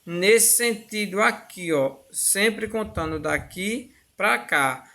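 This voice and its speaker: A woman's voice: mid-range voice, animated, slow, a bit bright. A woman teacher with a Brazilian Portuguese accent explaining a school lesson step by step, patient and repetitive, often checking that students follow.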